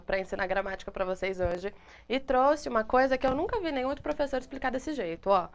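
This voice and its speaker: Brazilian woman teaching English, higher voice. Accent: Brazilian Portuguese. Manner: switches between Portuguese and slow, careful English examples. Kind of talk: lively video lesson.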